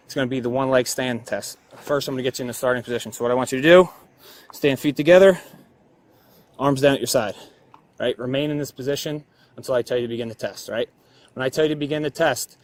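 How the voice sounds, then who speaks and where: A male police officer giving step-by-step procedural instructions on a body camera, often checking that he is understood. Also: mid-range voice. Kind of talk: procedural instructions during a traffic stop. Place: outdoors at a roadside.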